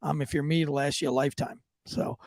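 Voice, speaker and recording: A man co-hosting a podcast chats loosely with jokes and swearing, and his sponsor ad read is riddled with restarts. His slightly high voice is a little mellow, with little pitch movement and a quick pace. The studio-quality recording is dry.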